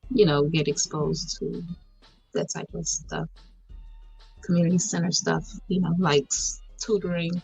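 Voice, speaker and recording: A woman in her thirties from Houston, a podcast guest speaking in a measured, thoughtful way with many fillers. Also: lowish voice, fairly even intonation, vocal fry, a little mellow, slightly rough, no room sound, soft background music. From Houston, Texas, US. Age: 30s. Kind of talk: casual podcast interview. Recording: dull lo-fi recording.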